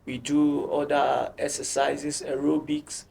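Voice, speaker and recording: A man, captain of a football team, answering interview questions in a halting way, often repeating words. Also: fairly high pitch, monotone, gravelly, darkish tone.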